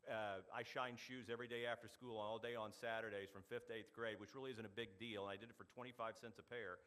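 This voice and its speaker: Fast, bright-voiced storyteller man. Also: fairly low pitch. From Oklahoma. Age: middle-aged. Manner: animated storyteller, quick delivery with punchy asides. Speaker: speaker at a club meeting. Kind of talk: storytelling speech. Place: meeting hall.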